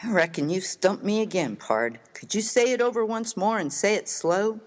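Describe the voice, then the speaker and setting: In a dramatised story reading, a man voices a rough, hearty, good-natured Old West American miner, using slangy, folksy, emphatic speech. His voice is high and animated at a moderate pace, and he sounds puzzled and folksy.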